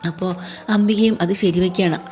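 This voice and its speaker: Woman, casual soap-opera recap narration, chatty, fairly low voice. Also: fairly even intonation, fairly quick, a little mellow, faint music behind. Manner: chatty, repeated tag questions. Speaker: serial recap channel host.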